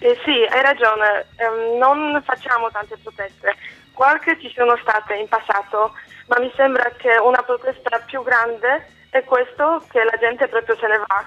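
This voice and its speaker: A woman's voice: on the high side, fairly even intonation, soft background music. Polish woman on a muffled phone line. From Poland. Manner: halting, searching for Italian words. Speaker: guest. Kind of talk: phone interview.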